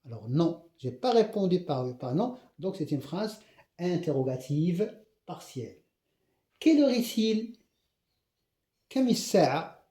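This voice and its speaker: Moroccan male teacher, very mellow, lively pitch, echoey room, patient drill-style explaining. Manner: repeats example questions slowly, checks understanding often. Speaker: French teacher. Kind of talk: classroom grammar lesson.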